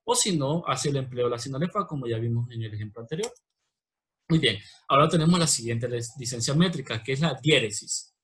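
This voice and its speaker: A man from Honduras with a Honduran Spanish accent, teaching a recorded virtual class, patient and explanatory, slowing down to spell out examples. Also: fairly high pitch.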